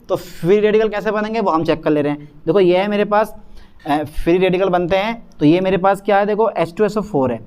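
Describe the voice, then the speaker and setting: A man teaching a chemistry lecture, repeating key terms and quizzing students with quick questions. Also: sits high, darkish tone. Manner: repetitive call-and-response questioning; calls students "beta" and "bhaiya". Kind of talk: classroom lecture.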